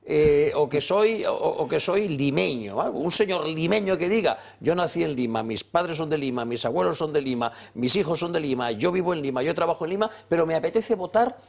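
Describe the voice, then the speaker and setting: A man from Valencia, Spain, arguing forcefully as a commentator on a political panel, repeating phrases for effect. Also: on the high side, expressive, fairly quick, vocal fry, hardly any pauses. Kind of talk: heated political panel debate.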